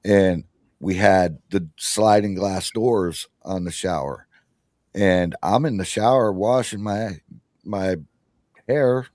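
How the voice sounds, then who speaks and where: A man's voice: deep voice, takes it slowly, darkish tone, no echo. A man hosting a podcast, telling a rambling story in casual chat, interrupting himself and laughing often. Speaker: podcast host.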